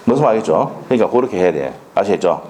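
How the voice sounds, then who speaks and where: A man's voice: fairly low pitch, sing-song, fast talker, darkish tone, slight background noise. A man with a Gyeongsang Korean accent giving a classroom law lecture, blunt and colloquial, constantly firing rhetorical questions and checking that students follow.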